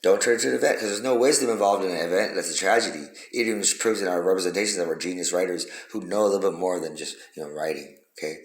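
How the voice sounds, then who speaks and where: Fast, gravelly man ranting. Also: low-pitched. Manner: profane, rambling, emphatic repetitions. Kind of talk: rambling philosophical monologue. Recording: roomy echo.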